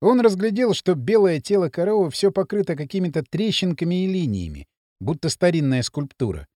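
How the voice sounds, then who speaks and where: A man narrating an audiobook with an expressive, dramatic reading. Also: sits high, brisk, no room sound, studio quality. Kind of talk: scripted narration.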